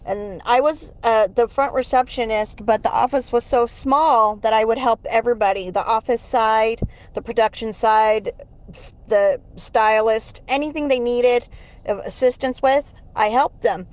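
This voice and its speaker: A woman's voice: a little high, a little slow. Chatty woman caller over a phone line. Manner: chatty, laughs between sentences. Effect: over a phone line, left as a voicemail. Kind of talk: casual told story in a voicemail. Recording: muffled phone-line voicemail.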